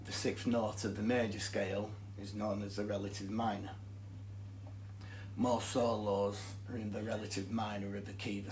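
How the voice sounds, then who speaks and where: In this guitar tutorial, a Yorkshire teacher with a thick accent works methodically through scales and chords. His lowish voice is creaky and a little mellow, with guitar playing in the echoey room and slight background noise.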